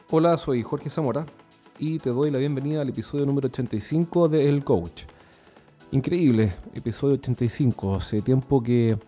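A man's voice: mid-range voice, dark tone. A man with a Chilean accent hosting a solo podcast, talking in a chatty, earnest way with many fillers and restarts. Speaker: podcast host and sales consultant.

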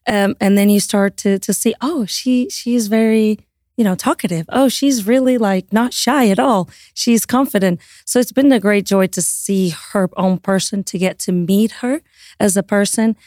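A woman's voice: mid-range voice, moderate pace, a little mellow, no room sound, studio quality. A woman speaking casually as a mother in a testimonial, in simple conversational phrases. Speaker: mother interviewee.

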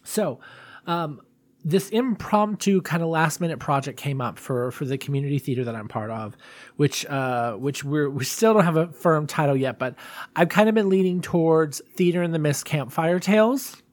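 A man's voice: fairly high pitch, animated, moderate pace, no room sound. A man hosting a solo podcast in a casual, confessional way, rambling and self-deprecating. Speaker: podcast host.

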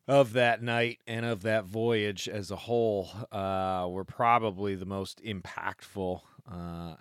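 A man speaks in a low voice with a phlegmy, chesty rattle to it. He rambles in a casual, reflective vlog style, dropping amused asides to himself. The recording is close and dry. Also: no echo. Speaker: solo sailor, vlogger.

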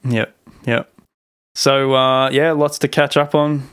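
A man's voice: medium pitch, level tone, slow, fairly bright tone, smooth, dry recording, studio quality. A man hosting a podcast, chatting in a laid-back, informal way. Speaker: podcast host, musician. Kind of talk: casual chat.

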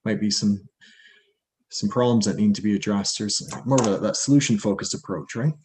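A man on a podcast panel explaining casually, softening points with tag questions. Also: lowish voice, fairly quick.

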